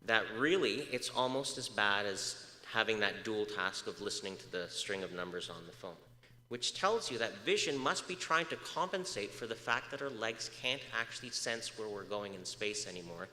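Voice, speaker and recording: This research speaker is a man with a fairly low voice that sounds pushed and bright, moving at a moderate pace with lively intonation. Giving a public lecture, he asks the audience questions, leans heavily on "uh," and occasionally goes off mic. Hall reverb echoes through the recording of the large room.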